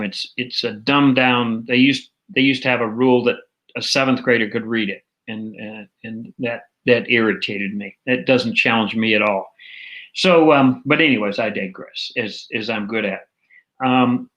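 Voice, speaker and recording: A man's voice: medium pitch, a bit bright, poor audio. A man hosting casual political commentary, rambling and digressive with many fillers.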